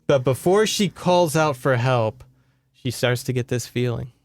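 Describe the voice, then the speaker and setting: A man with a medium-pitched voice, speaking a little slowly, hosts a podcast and gives a book report in conversation. His storytelling is casual, informal, rambling and sweary.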